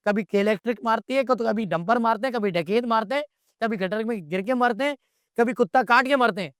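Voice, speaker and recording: A man's voice: high-pitched, clean tone, no room sound, studio quality. A man, speaking as an interview guest in a heated, exasperated way and firing off rhetorical questions. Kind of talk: impassioned interview commentary.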